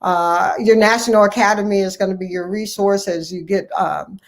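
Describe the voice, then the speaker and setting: This Ohio-based family doctor and incoming medical association president responds to interview questions with sincere emphasis, restating important phrases. Her pitch is medium, her intonation fairly level, and her pace moderate.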